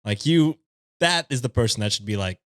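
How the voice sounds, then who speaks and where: A man's voice: mid-range voice, lively intonation, brisk, a bit bright, dry recording. Man, podcast co-host, casual chat, blunt, joking, dry close sound. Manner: joking, blunt, swears freely.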